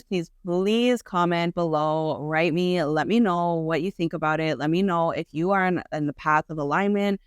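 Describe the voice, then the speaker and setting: A woman's voice: on the low side, smooth, no echo, studio quality. A woman hosting a podcast, talking in an effusive, gushing way and addressing listeners directly as queens. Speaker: podcast host and small business owner. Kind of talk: casual motivational podcast monologue.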